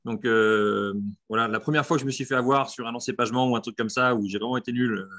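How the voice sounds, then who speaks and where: A man's voice: medium pitch, steady tone, fast talker, a bit bright. A man speaking as a panelist in a casual, conversational discussion. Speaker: wine trade panelist.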